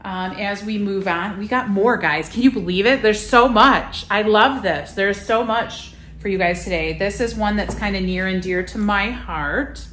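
In a shop room full of farmhouse decor, a woman in her thirties hosts a casual showcase of items for sale. Her mid-range, fairly bright voice moves at normal speed with hardly any pauses, echoing in the reverberant space as she talks enthusiastically, peppering her speech with fillers.

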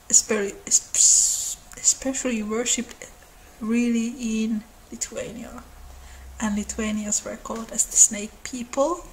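A Finnish-accented woman in her thirties hosts her own mythology channel, explaining folklore to camera from a living room by a window. Her slightly high, gravelly voice moves slowly and thoughtfully, with soft laughs and small restarts, in a casual tone. The recording is rough, with slight background noise.

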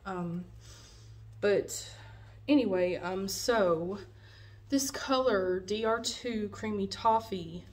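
A young woman with a cold talks about a wig in a relaxed vlog, filmed indoors in a dim room at home on a camera in front of her. Her medium-pitched voice is slightly nasal and a little mellow, and she goes slowly, with long pauses and lots of fillers.

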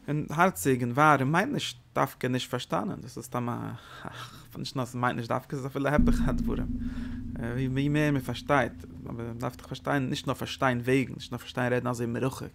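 Guy giving a torah class, gravelly voice, gets worked up in bursts, throws in english words. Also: medium pitch. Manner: animated, emphatic bursts, mixes in English words. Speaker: Torah teacher. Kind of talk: religious lecture.

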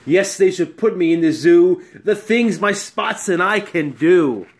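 In a small, bright room at home, a man plays an eager spotted animal from a storybook that boasts and pleads while performing magic tricks. His voice sits high and unhurried, with slight background noise behind it.

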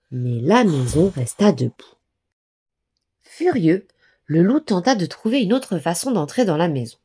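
A woman narrating a children's story in a lively, expressive reading voice. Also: lowish voice, breathy edge.

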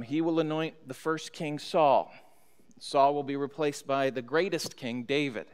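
A man's voice: medium pitch, clear, resonant tone. A middle-aged American man, a pastor, teaching a Bible study lesson from the pulpit and checking in with his listeners. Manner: teacherly, checks in with listeners, reads scripture aloud. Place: church sanctuary at a pulpit. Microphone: stand mic on pulpit, far camera. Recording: long church hall reverb.

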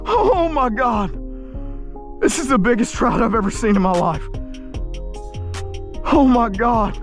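A man in his thirties fishing from a kayak outdoors, shouting excited commentary into an action camera as he hooks fish. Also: extremely high pitch, takes it slowly, soft background music. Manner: exclaims loudly while fighting fish. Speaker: fishing video host. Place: kayak on open water outdoors.

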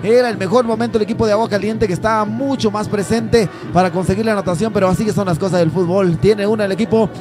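A man's voice: high-pitched, fairly even intonation, fast, few pauses, over music. A man giving explanatory football co-commentary in long, run-on sentences. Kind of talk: match analysis commentary.

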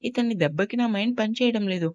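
A woman's voice: on the high side, fast, a little mellow, no echo, dull audio, natural voice. A storyteller voicing a flustered young woman who mutters in a panic. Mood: panicked. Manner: jittery, muttering to herself.

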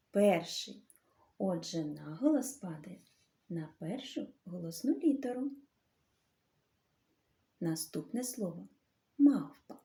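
Slow, sing-song woman teaching children. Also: mid-range voice, warm tone. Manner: slow, clear, drawn-out sounds for children. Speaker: primary school teacher. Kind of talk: literacy lesson for young children.

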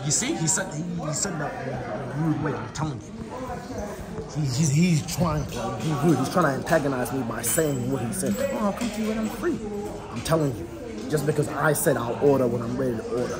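A man's voice: medium pitch, animated, a little fast, over loud music, a loud crowd. Agitated young man muttering in a busy restaurant. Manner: agitated, muttering, swears a lot. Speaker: vlogger. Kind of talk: casual vlog, talking to camera. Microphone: phone camera held at arm's length. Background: diners chatting.

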